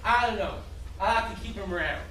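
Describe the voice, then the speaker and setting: An actor on stage playing a bossy, scheming Wild West town boss, commanding, scolding and theatrical. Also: male voice, sits high, brisk, sharp tone. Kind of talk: stage play acting. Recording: echoey theater, distant mic, faint noise.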